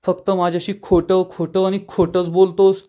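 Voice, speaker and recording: A man's voice: high-pitched, flat delivery, moderate pace, highs cut off, lightly acted. A man voicing an angry, betrayed young wife who scolds her lying husband in a story recap. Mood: scolding. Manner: scolding, accusing.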